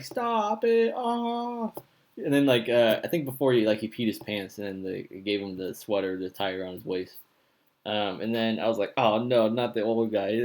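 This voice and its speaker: A man with a fairly low voice hosts a casual podcast and rambles through a show recap. He stops and restarts often, fills gaps with ums, and jumps up into excited reactions as he goes. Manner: rambling, full of fillers and restarts; excitable, acts out his own reactions. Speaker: podcast host.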